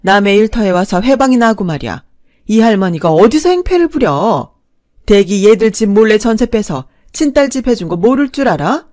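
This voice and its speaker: A woman voicing a blunt middle-aged woman who rebukes an older woman forcefully. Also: medium pitch, very animated, normal speed, lightly acted. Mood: scolding.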